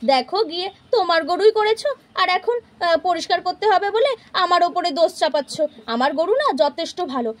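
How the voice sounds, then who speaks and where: A woman's voice: extremely high pitch, expressive, a little fast. A woman voicing a stern village mother in a toy-house puppet play, scolding her neighbour insistently. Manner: scolding, insistent, repeats words.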